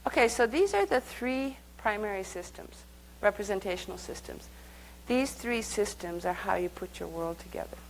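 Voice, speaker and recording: A woman's voice: mid-range voice, expressive, normal speed, few pauses, slight background noise, poor audio. A woman leading a live workshop, speaking conversationally and guiding the group through exercises. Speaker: workshop teacher.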